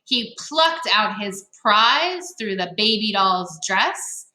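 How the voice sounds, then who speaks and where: A woman with a mid-range voice reads a children's picture book aloud slowly, in an animated, pushed and bright delivery. She performs it dramatically and playfully, dropping chatty asides to her listeners. The recording sounds roomy and echoey.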